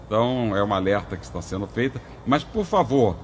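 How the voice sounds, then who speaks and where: A man's voice: fairly low pitch, lively intonation, fairly quick, slight background noise. An older man, a former judge hosting a legal talk show, who gives earnest warnings and advice. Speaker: host and former juvenile court judge.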